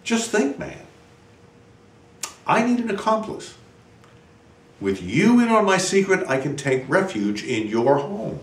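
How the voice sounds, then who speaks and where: A man performing a theatrical monologue as a desperate, exhausted scientist turned invisible, imperious and brooding, with dramatic pauses. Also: high-pitched, sing-song, full character voice. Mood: scheming, urgent. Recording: roomy, distant microphone.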